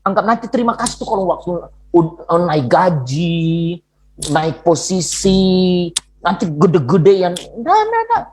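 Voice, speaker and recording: A man preaching a sermon, telling stories in a lively, joking way and speaking straight to his listeners. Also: high-pitched, breathy edge, low-quality recording. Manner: lively, jokey storytelling, speaks to listeners directly.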